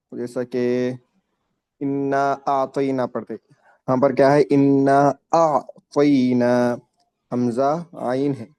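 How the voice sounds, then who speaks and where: Patient man teaching slow letter recitation. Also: medium pitch, mellow, no echo. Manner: slow, drawn-out letter pronunciation with patient explanations. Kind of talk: online tajweed class for children.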